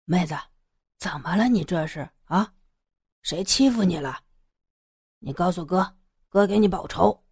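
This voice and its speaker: A woman's voice: medium pitch, lively intonation, moderate pace, a little mellow, close to an everyday voice. A woman voicing a worried, protective young village man who questions urgently and earnestly.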